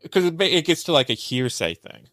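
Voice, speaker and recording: A man's voice: on the high side, animated, brisk, a bit bright, no echo, studio quality. A man co-hosting a podcast, recapping courtroom arguments in a casual conversational style. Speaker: podcast co-host. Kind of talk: conversational true-crime trial commentary.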